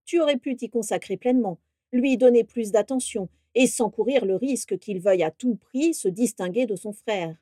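A woman's voice: fairly high pitch, moderate pace, few pauses, warm tone, no echo, clean studio sound, natural voice. Abraxas, a woman voicing a mocking aristocratic wizard. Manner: mocking, gloating. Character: haughty scheming aristocratic wizard, man.

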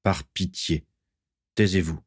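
A man's voice: fairly low pitch, normal speed, close to an everyday voice. A man reading aloud and voicing a harsh, contemptuous old patriarch who leans on a cane. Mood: weary. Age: older.

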